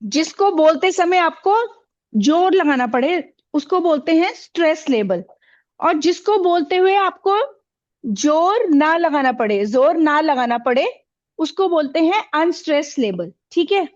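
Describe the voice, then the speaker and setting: A woman's voice: high-pitched, animated, measured pace, lo-fi sound. A woman teaching a classroom, asking the pupils questions and repeating their answers with encouragement.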